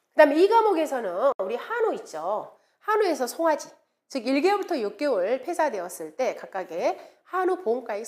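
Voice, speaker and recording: A middle-aged woman lecturing to exam students, her voice set a little high and swinging widely up and down. She repeats key terms over and over and breaks into sing-song memory chants. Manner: animated, repeats key words, playful mnemonic chanting. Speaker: exam prep instructor.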